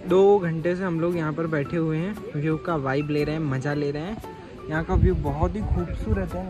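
A man's voice: on the high side, lo-fi sound. A young man chatting playfully and upbeat as a travel vlogger on a mountain trail, talking into a handheld camera. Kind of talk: casual travel vlog narration.

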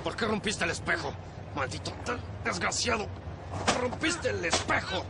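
Bit part: a harsh, furious adult, Latin American Spanish dub, gravelly and fairly high, loud background noise. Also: male voice, lively intonation, normal speed. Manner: cursing, harsh. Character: angry adult man chasing off a boy.

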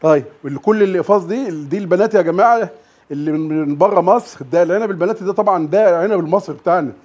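Very fast-talking Egyptian man, highish voice. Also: darkish tone, no echo. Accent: Egyptian Arabic. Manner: chatty, repeats answers back to viewers. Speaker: vlogger touring a produce market. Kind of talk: casual on-location chat and price commentary. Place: outdoor produce market. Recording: muffled outdoor market recording, street noise.

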